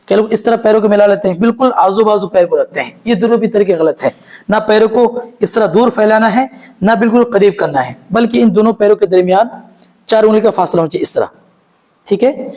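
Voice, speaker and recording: Guy with a high voice walking folks through prayer steps, patient, keeps repeating himself and checking in. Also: mellow, low-quality recording. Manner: patient, repetitive, often checks understanding with "okay". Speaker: Islamic prayer teacher. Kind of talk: step-by-step instructional demonstration.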